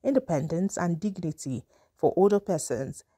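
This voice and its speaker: A woman's voice: fairly low pitch, lively intonation, moderate pace, mellow, no echo, clean studio sound. A woman with a Nigerian accent reading a scripted news report as a reporter.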